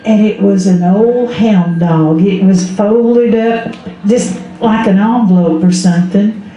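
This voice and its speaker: An older woman storyteller with an Appalachian accent and a mellow, warm tone. She spins folksy tales for a live audience, slipping into quoted dialogue. The sound is an echoey outdoor microphone with faint noise behind it. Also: mid-range voice, slow pace. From Southern Appalachia, Smoky Mountains. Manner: folksy, quoting relatives and neighbours in dialogue. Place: outdoors under an open tent at a public event. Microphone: handheld microphone through a PA.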